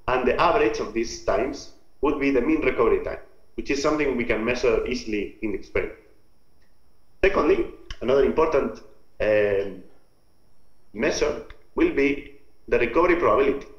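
A man from Spain's Basque Country with a Basque Spanish accent, giving an informal scientific lecture in a halting, step-by-step explanatory way. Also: mid-range voice. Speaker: researcher presenting own work. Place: remote talk over video call. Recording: muffled, roomy video-call audio.

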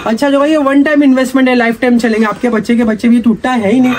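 A man, giving a rapid, repetitive sales pitch while showing gear in a cluttered indoor shop, filmed close up. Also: steady tone. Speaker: gym equipment seller.

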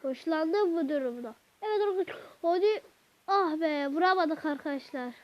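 Very high-voiced woman narrating gameplay. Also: moderate pace. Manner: chatty, keeps addressing viewers, excitable outbursts at the game. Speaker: gaming channel host. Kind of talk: let's-play gameplay commentary. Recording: dull lo-fi recording.

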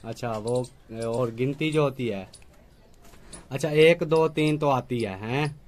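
A man's voice: mid-range voice, takes it slowly, a little mellow. A man vlogging at home, patiently quizzing a child on letters and numbers and calling out to the children at play. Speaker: family vlogger. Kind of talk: casual home vlog.

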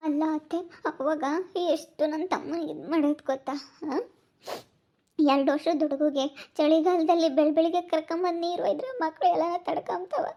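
In a rural family drama, an actress voices a grieving, motherless young woman tearfully accusing her aunt. Her warm voice sits high with little pitch movement at a normal speed, and the recording is muffled and lo-fi.

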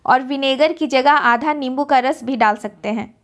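A woman giving a calm, step-by-step cooking voice-over as host of a recipe channel. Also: high-pitched, moderate pace. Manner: calm, instructive, explains each step.

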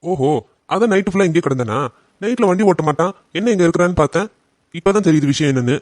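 A man's voice: sits high, lively intonation, fast talker, a little mellow, no echo, studio quality. A man voicing a kind, respectful young auto driver who soothes an upset mother in a cartoon family drama. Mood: soothing.

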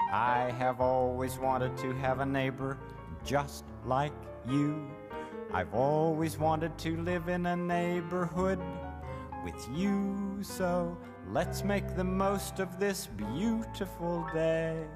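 A man singing a gentle children's-style song. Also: a little high.

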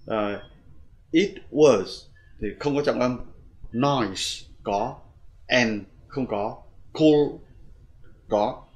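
A man teaching a pronunciation lesson, patiently explaining with fillers and reading English phrases slowly, beat by beat. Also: medium pitch, muffled recording. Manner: slow, deliberate reading of English phrases, stressing each beat.

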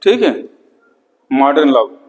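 Lecturer in a reverberant classroom. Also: male voice, on the high side, very animated, slow pace, darkish tone. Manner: repeats key terms, frequent "theek hai" checks. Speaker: English literature lecturer. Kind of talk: classroom lecture mixing Hindi and English. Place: classroom with board.

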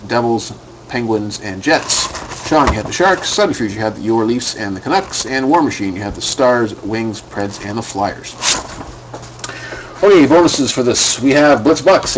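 A man at a home desk runs a live card break, chatting loosely with plenty of filler words and restarts. His voice sits at a middling pitch. A faint hiss of room noise stays under the camera mic. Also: low-quality recording.

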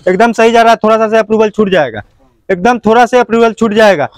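On an outdoor lot lined with parked motorbikes, an auctioneer keeps calling bids in a fast, high-sitting voice. His delivery is a repetitive price chant, and the sound carries no echo.

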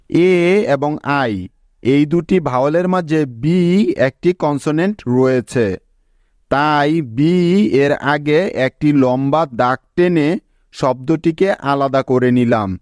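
A man narrating an English pronunciation lesson step by step, in a measured, explanatory way. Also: fairly high pitch, a little mellow, no echo, clean studio sound. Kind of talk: scripted tutorial narration.

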